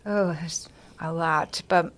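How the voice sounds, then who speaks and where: A woman originally from Taiwan, a doctor and podcast guest, answering casual questions in a relaxed, modest way, often trailing off softly. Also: deep voice, takes it slowly. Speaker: physician guest. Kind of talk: casual interview chat.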